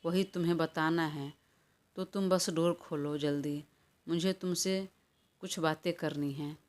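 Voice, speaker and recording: A woman's voice: deep voice, steady tone, measured pace, darkish tone. A woman voicing a stubborn, hot-tempered young woman who quarrels and makes demands, in a storybook reading. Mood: angry.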